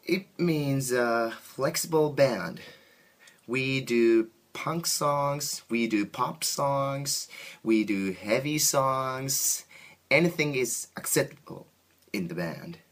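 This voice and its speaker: In halting, simple second-language phrases, a male band musician from Japan replies to interview questions with a Japanese accent. His voice is mid-range with a fairly bright tone.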